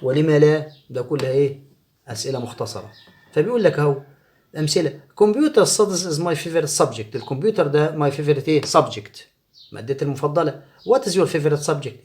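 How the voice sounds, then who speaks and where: A man with an Egyptian Arabic accent teaching an English exam review. He explains the grammar in Arabic and reads the English example sentences slowly and clearly. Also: on the high side, a little mellow.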